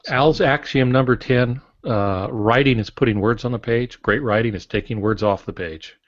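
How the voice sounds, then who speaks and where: On a podcast with dry, dull, lo-fi sound and no room noise, a mid-range male co-host speaks at a normal speed. He's a writing teacher giving casual, advisory instruction through short maxims.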